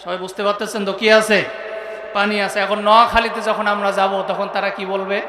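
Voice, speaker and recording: A man's voice: high voice, level tone, a little fast, bright, forceful tone. A man from Satkhira, Bangladesh, preaching a fiery open-air sermon in a rousing, chant-like way and calling out to the crowd. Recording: echoey PA with long reverb.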